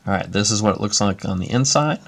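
A man with a low, gravelly voice talks through a casual show-and-tell from behind the camera. He speaks in a relaxed way, filling pauses with "uh" as he lists things one by one. He sounds like he is at a table indoors. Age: adult parent. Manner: relaxed, many "uh" fillers, listing items. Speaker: Lego builder showing his model.

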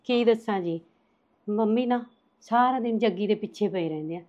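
A woman's voice: mid-range voice, normal speed, darkish tone, muffled recording, lightly acted. A woman playing a sympathetic, arguing wife. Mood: doubtful. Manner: arguing, doubtful. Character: sympathetic wife, defends the boy.

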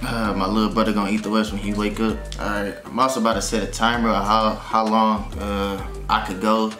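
A man's voice: fairly low pitch, level tone, a little fast, pushed and bright, echoey room, soft background music. A nineteen-year-old man chatting casually and in slang while taking on an eating challenge. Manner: laid-back slangy talk. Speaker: YouTuber doing an eating challenge. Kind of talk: casual chat.

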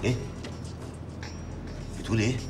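A man's voice: moderate pace, music in the background, natural voice. An actor playing a brusque male newspaper editor who snaps orders down the phone, recorded with a distant mic in a newspaper office. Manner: gruff, commanding, snaps orders. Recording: distant mic with loud room noise.

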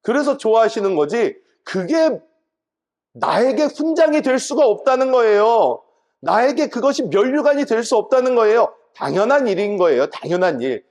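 Pastor preaching with big dramatic swings. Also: male voice, big pitch swings, normal speed. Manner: dramatic, swings from loud emphatic peaks to soft low asides. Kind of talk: sermon.

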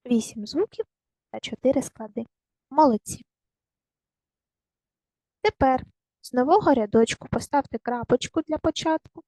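Woman teacher talking to little kids, slightly high voice, dry close sound, patient and clear. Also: darkish tone, no echo, poor audio. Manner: clear, patient instructions to young pupils. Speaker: primary school teacher. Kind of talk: recorded video lesson.

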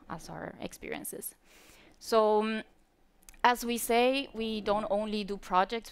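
Speaking on lighting design at a conference, a Venezuelan woman hesitates often, with many fillers and restarts, while holding a handheld mic on a lighting industry event stage. She has a mid-range voice with vocal fry that still sounds clear and resonant.

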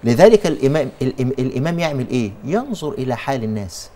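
A man's voice: medium pitch, sing-song, racing, warm tone, slight background noise. A man with an Egyptian accent answering religious questions in a TV studio, explaining with emphasis and frequent restarts.

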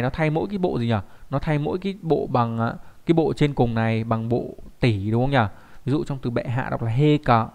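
In an online kanji lesson, a man with a middle-range pitch explains the material and keeps checking in with his class through rhetorical questions.

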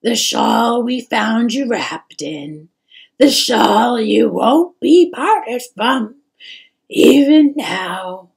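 A woman narrator voices a husky, anxious troll mother from a fantasy storybook, fussing and grieving over her child with tearful, loving weight. Her mid-range voice is slow, emphatic, sing-song and exaggerated, and the mood is sad and tender.

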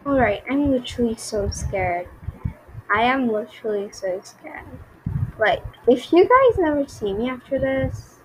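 A woman's voice: fairly high pitch, big pitch swings, a little slow, slight background noise, poor audio. A young woman giving nervous game commentary, repeating herself and reacting to jump scares. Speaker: gaming YouTuber.

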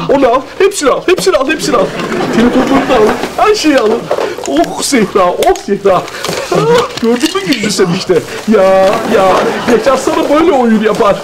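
A shrill, giggly husband in a sketch. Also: male voice, very animated, fairly quick, few pauses, background noise, full character voice. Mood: giddy. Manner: giggly, shrill, frantic shouting. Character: excitable husband, fooled by a staged robbery. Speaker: sketch comedy character. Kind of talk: sitcom sketch acting.

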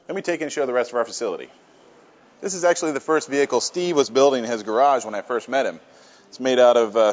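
Guy walking folks through a factory, casual and friendly, mid pitch, kinda muffled sound. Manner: friendly, plain-spoken, with frequent uh fillers. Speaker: company tour guide. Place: workshop and offices, indoors.

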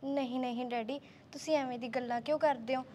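Earnest young Punjabi daughter, played by a young woman; imploring, slightly high voice. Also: steady tone, brisk, mellow, slight background noise, lightly acted. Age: young adult. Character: young village daughter eager to study. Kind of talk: village drama acting.

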